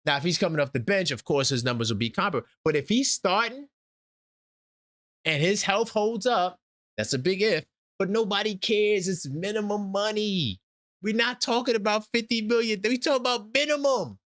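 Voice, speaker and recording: A man's voice: sits high, moderate pace, a bit bright, no echo, clean studio sound. A man in his forties hosting a sports talk show, emphatic and repeating his points. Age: 40s. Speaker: host.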